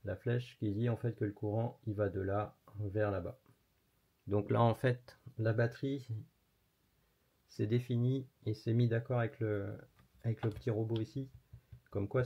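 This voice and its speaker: A man's voice: on the low side, gravelly, husky. A man hosting an electronics tutorial, explaining casually while demonstrating hands-on and swearing mildly now and then. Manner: casual and chatty, with mild swearing. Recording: dull lo-fi recording.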